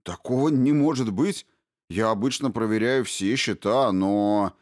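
A man's voice: fairly low pitch, lively intonation, normal speed, a little mellow, no room sound, clean studio sound, close to an everyday voice. A man doing an evasive, indignant fund official. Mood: defensive. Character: evasive male fund official, defensive under questioning.

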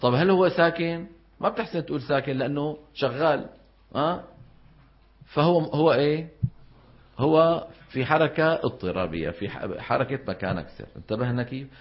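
A man's voice: a little high, moderate pace, long pauses. A man teaching Quran recitation as a classroom lecture, explaining step by step and often asking his students questions. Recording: dull lo-fi recording.

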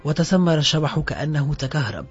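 A man narrating an audiobook in a measured literary reading, in a dull lo-fi recording with faint music behind. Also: fairly high pitch, animated, husky.

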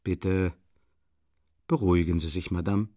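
A man reading an audiobook, voicing a distinguished male official who speaks in a calm, soothing, measured way. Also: sits low, dry recording, studio quality.

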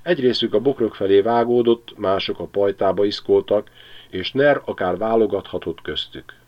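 A man reading a children's novel aloud as an expressive storyteller. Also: fairly low pitch, muffled recording. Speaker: audiobook reader. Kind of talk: scripted narration of a children's novel.

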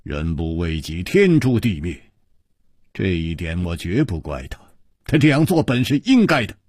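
A man voicing an easygoing, wry gallant hero who speaks low and measured. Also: very animated, a little mellow, husky, no echo, clean studio sound, heavily acted. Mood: wry calm.

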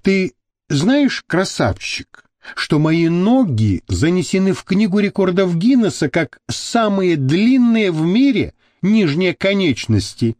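Guy doing a coquettish young model lady, high and swooping, slow. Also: big pitch swings, darkish tone, dry recording, studio quality, heavily acted. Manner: chirping, coquettish.

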